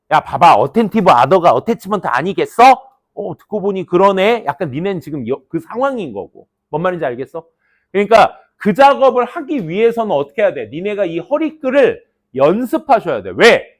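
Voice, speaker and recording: A middle-aged man teaching an English class, talking to students in a lively, playful storytelling way. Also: high-pitched. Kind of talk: lecture to students.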